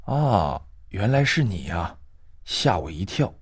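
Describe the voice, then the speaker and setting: A man voicing a stubborn old village grandmother, speaking a little lower and softer and grumbling as she scolds. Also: sing-song, moderate pace, husky, no room sound, clean studio sound. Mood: relieved.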